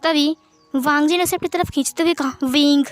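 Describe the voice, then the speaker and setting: A woman narrating a romance fan story aloud for her channel, in a plain, even storytelling manner. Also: high voice, a little fast, dry recording. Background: faint music.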